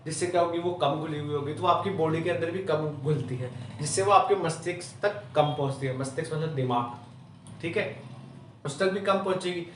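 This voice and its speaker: A man's voice: fairly high pitch, moderate pace, a little hiss or hum. A male chemistry teacher from Rajasthan, giving a classroom lecture, asking rhetorical questions and answering them himself, ending almost every point with "theek hai". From Rajasthan, India. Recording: roomy echo, mic at a distance.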